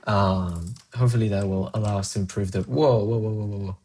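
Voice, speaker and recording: Fairly low in pitch, dark in tone and fairly quick, this man's voice belongs to a Colombian live-coding streamer who grew up speaking Spanish. He muses aloud as he codes and answers chat between tasks.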